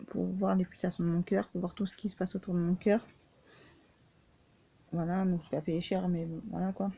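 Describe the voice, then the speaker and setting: A woman speaks in a casual personal vlog, halting and full of restarts, sounding tired and a bit breathless. Her voice sits slightly low. The recording is narrow and tinny, like a phone line. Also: vocal fry. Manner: halting, many restarts and fillers, frequent "voilà". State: often tired and short of breath. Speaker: vlogger.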